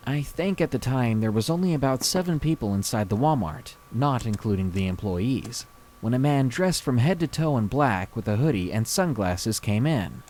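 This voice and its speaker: A man reading a scary true story aloud with slow, dramatic pacing. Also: mid-range voice, lively intonation, darkish tone. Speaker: story reader.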